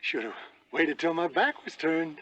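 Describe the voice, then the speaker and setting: Bright-voiced folksy cowboy. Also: male voice, fairly high pitch, lively intonation, a little slow, dull audio, slight background noise. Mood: teasing. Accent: American Western. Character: rough folksy cowboy mentoring a teenage boy. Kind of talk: TV western acting.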